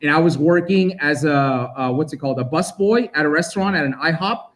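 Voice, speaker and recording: A man's voice: a little high, brisk, fairly bright tone. A young man from Armenia who grew up in Los Angeles, a talkative collector guest chatting casually and laughing easily. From Armenia, raised in Los Angeles. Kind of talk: casual chat.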